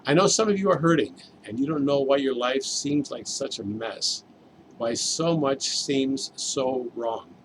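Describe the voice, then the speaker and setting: A man preaching a sermon in a measured, explanatory way, stressing key words as he teaches. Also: medium pitch, slight background noise, poor audio.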